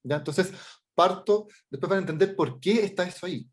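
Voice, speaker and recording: A middle-aged man with a Chilean accent, an artist and teacher presenting his work informally over a video call, hesitant, with many fillers and frequent check-ins. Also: high-pitched. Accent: Chilean Spanish. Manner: halting, many fillers and restarts, keeps checking in with "¿ya?". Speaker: artist and teacher giving a workshop talk.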